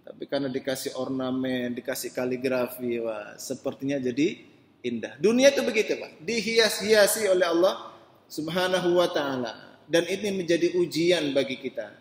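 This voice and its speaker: Preacher in an echoey mosque hall. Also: male voice, on the high side, normal speed. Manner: conversational, asks the men in the congregation questions directly; swings between quiet asides and loud emphatic rises. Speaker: ustadz preacher. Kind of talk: mosque sermon.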